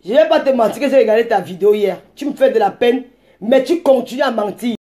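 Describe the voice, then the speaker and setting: A woman, ranting combatively at commenters on a live stream, rambling and breaking into shouts. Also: a little high, fast talker. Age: 40s.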